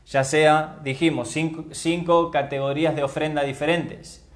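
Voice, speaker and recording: High-voiced man preaching a teaching sermon. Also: steady tone. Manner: emphatic, repeats and spells out words slowly. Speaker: Bible teacher.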